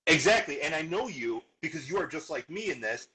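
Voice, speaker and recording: A man who is a chef, chatting as a guest on a video-call interview in a lively, agreeable way. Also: on the high side, fairly quick, poor audio. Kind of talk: casual interview chat.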